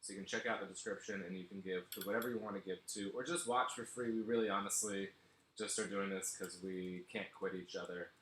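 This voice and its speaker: Male comedy co-host, bright voice, rambling casual delivery, echoey room, faint hum. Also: low voice, fairly even intonation, fast. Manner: rambling, laughing as he talks. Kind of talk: casual live-stream chat.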